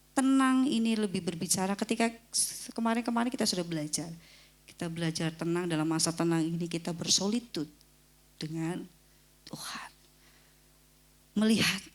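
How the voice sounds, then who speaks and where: Indonesian woman preaching with sudden soft drops. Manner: lively, acts out voices of scripture figures with sudden high pitch; drops to soft near-whisper on key phrases. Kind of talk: sermon.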